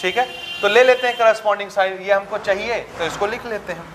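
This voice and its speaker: A man with a fairly high voice explains a geometry problem at a steady teaching pace. He keeps checking whether his students follow and drops into English for the technical terms. A faint hiss sits under his voice. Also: quick pace. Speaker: maths teacher. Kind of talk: blackboard-style maths lesson.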